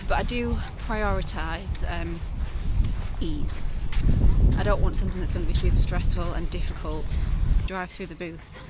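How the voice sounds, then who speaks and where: Chatty woman vlogging outdoors in loud wind. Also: on the low side, steady tone, moderate pace. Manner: chatty, rambling, self-deprecating. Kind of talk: casual chat. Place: outdoors by the coast.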